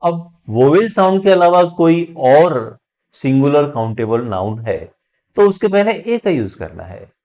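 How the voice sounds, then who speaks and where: A man teaching an English grammar lesson, slowly drawing out each example word as he explains it. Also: fairly high pitch, big pitch swings, a little mellow. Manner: slow, drawn-out spelling of example words.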